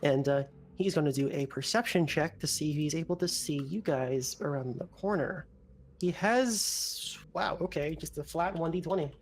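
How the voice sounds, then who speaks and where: Guy running a tabletop game, halting chatty narration, describes stuff as he goes, slight noise. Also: on the high side. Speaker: game master. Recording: background noise.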